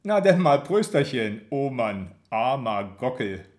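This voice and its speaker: A man's voice: mid-range voice, sing-song, unhurried. A man voicing a boisterous, chummy middle-aged football fan who bellows mocking banter in a storybook reading. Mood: jovial. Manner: loud, brash, mocking banter.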